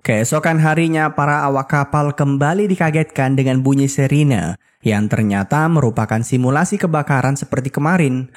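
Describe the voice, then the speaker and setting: A male film recap narrator with a mid-pitched voice. He tells the story in scripted narration, dropping in casual asides. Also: a little mellow.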